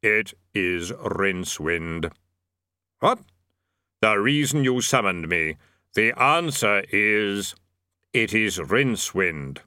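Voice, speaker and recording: A man voicing Death, a tall skeletal reaper who speaks slowly, gravely and dryly. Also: fairly low pitch, animated, bright, forceful tone, dry recording, full character voice. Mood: solemn, dry. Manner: measured, grave, dry.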